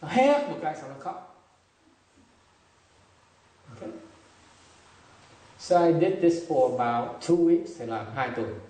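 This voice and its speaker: A man's voice: a little high, animated, takes it slowly, long pauses, dark tone. A man giving a dharma talk as a Buddhist meditation teacher, telling jokey anecdotes. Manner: joking, anecdotal storytelling. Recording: echoey hall, distant mic, faint hiss.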